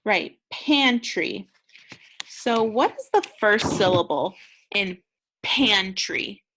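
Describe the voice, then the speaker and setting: An American woman teaching a slow, clear phonics lesson to young children, patient and encouraging, pausing for answers. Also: mid-range voice, expressive, fairly bright tone, a little hiss or hum. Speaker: second grade teacher.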